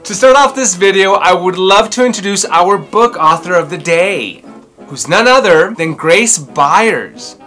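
Over music, a man in his thirties hosts a children's story time and book review from a small room at home. His voice is high and animated, unhurried, with a theatrical, exaggerated, emphatic delivery.

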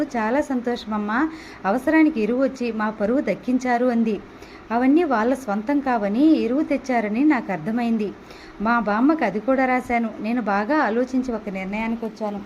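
Narrator: woman, Telugu accent, gentle storybook reading, voice on the higher side. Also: highs cut off, slight background noise. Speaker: audio novel narrator.

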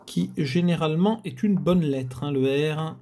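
A man's voice: fairly high pitch, measured pace, mellow. A man hosting a scratch-card video, chatting casually to viewers as he scratches tickets and groaning at bad luck.

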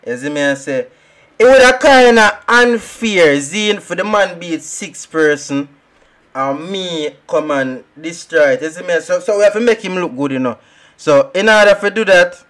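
A young Jamaican man streaming a shooter game, talking through it in excitable, rambling trash talk. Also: high voice. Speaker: gaming streamer. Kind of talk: live gameplay commentary.

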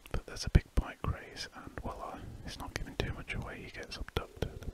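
While sketching at a desk indoors, this British ASMR artist murmurs in a breathy whisper, wandering from thought to thought and letting his words trail off hesitantly. A pen scratches across paper in the background.

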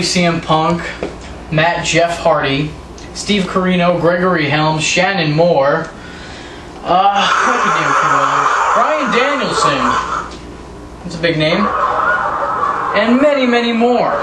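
An eighteen-year-old man, a backyard wrestler, cutting a sarcastic, taunting wrestling promo. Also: high-pitched. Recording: roomy, distant, noisy home recording.

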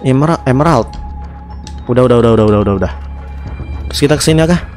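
A young Indonesian man talks through his video game as a streamer. His pitch is average and his delivery is casual and chatty, with words repeated in quick strings. Game music plays behind him. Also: lively intonation, a little mellow. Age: young adult. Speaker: gaming streamer. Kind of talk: casual gameplay commentary. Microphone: headset.

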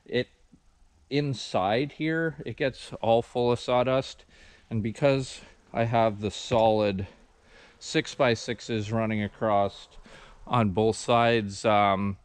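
A man, casually explaining his sawmill setup outdoors in a forest clearing, talking to a camera held at arm's length with plenty of ums. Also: medium pitch, slow pace, dry recording. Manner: relaxed, rambling explanation with many ums. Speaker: sawmill vlogger. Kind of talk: casual walkthrough vlog.

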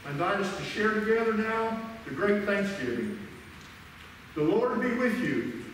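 A high-voiced older man leads church liturgy as a pastor, solemn and measured. His words ring out in a long cathedral echo, picked up from a distance. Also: sing-song, fairly bright tone. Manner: solemn, measured, declaiming to a congregation. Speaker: pastor leading a Christmas Eve communion service. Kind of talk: liturgy and prayer led aloud. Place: large church sanctuary, indoors. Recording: echoing cathedral-like church reverb, distant microphone, faint noise.

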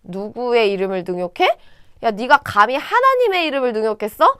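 A woman voicing a young shepherd boy who is bold, zealous and quick to anger. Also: sits high, animated, pushed and bright, no echo, clean studio sound. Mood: indignant. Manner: indignant, fiery.

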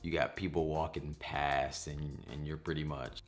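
Faint music sits behind a very deep, unhurried male voice with little pitch movement. He's a thirtysomething home cooking vlogger who chats to camera in his kitchen with jokey asides, later narrating in voice-over.

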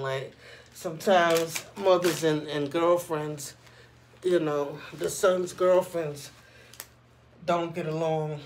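A man with a somewhat high voice talks casually, as in a personal vlog. He shares his opinions conversationally and keeps checking that the listener follows him. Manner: conversational, frequently checking in with "you know what I'm saying". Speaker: vlogger.

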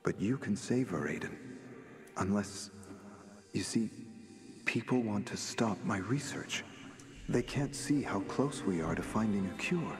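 Drenched in reverb, a scientist in a video game memory speaks low and persuasively. The delivery is measured, with faint music behind. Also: male voice, expressive. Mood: grave, coaxing. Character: soft-spoken, persuasive male scientist in a memory. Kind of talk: dramatic video game acting.

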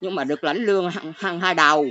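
A woman's voice: lowish voice, fast talker, bright, forceful tone. An older woman with a Southern Vietnamese accent, ranting and lecturing her viewers on a livestream in a scolding, exclamatory way. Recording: dull lo-fi stream audio.

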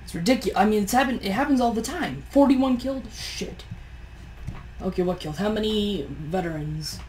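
A woman's voice: medium pitch, lively intonation, brisk, a little mellow, slight background noise, poor audio. A tired woman with a morning voice, chatting through gameplay commentary on a push-to-talk mic and grumbling in exasperation at how things are going. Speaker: let's play host.

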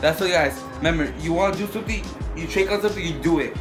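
A man's voice: on the high side, fast talker, music in the background. A young man chatting casually to viewers in a vlog, swearing often and repeating himself. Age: young adult. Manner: profane, repetitive. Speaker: challenge vlogger. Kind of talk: casual excited vlog chat. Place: small living room.

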